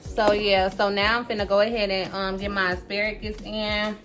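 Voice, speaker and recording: A woman's voice: mid-range voice, little pitch movement, moderate pace, fairly bright tone. A woman chatting casually as she cooks in her home kitchen, often adding "right?" and "y'all". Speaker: home cooking vlogger. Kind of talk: casual cook-along chat. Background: background music.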